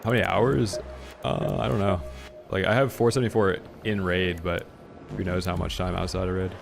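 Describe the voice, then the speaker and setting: A man's voice: low voice, fairly even intonation, normal speed, music in the background. A man streaming a game live, chatting casually with viewers in a laid-back way. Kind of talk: casual live gameplay commentary. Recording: clear background noise.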